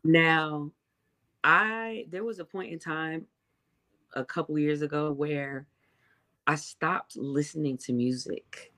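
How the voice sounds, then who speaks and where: Bright-voiced thoughtful woman musician guest. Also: low voice, steady tone. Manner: thoughtful, hesitant, measured explanations. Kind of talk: casual interview chat.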